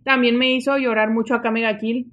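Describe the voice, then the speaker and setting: A young adult woman with a Mexican Spanish accent, co-hosting a casual podcast chat and telling stories in a lively, chatty way. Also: fairly high pitch, a little fast, dull audio. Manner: animated, chatty storytelling. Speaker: podcast co-host.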